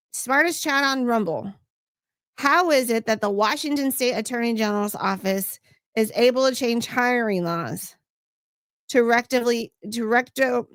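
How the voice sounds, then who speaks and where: A woman's voice: fairly high pitch, fairly bright tone, dry recording, studio quality. A woman hosting a livestream, reading news stories aloud and adding sarcastic asides for her chat. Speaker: host.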